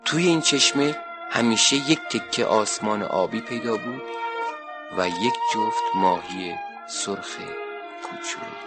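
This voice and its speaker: A man narrating a 1970s children's radio story, lively and expressive. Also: lowish voice, over loud music.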